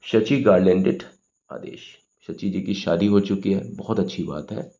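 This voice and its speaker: A man's voice: low voice, steady tone, normal speed, mellow, dull audio. A man teaching English grammar in Hindi, patiently explaining words and often checking with "okay?".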